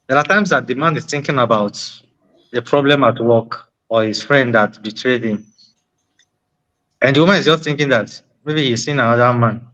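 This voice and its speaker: A man's voice: mid-range voice, a bit bright, rough recording. A man with a West African accent gives conversational relationship advice, repeating key words for emphasis and posing rhetorical questions. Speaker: panel discussion participant.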